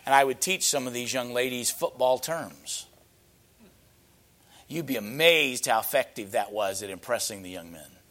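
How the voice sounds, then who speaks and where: A middle-aged man preaching a sermon, emphatic and rhetorical, answering imagined objections and rising to loud peaks on key points. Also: medium pitch, animated, normal speed.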